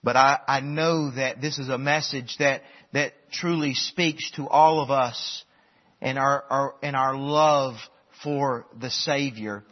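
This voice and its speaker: A man preaching a sermon, emphatic, moving between loud bursts and hushed lines and often repeating words as he restarts phrases. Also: medium pitch, fairly even intonation, slow pace. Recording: dull long-reverb hall sound.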